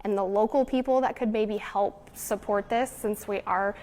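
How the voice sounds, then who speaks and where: A woman shop owner speaking in a news interview, sounding worried and halting. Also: mid-range voice, fairly even intonation, a little mellow.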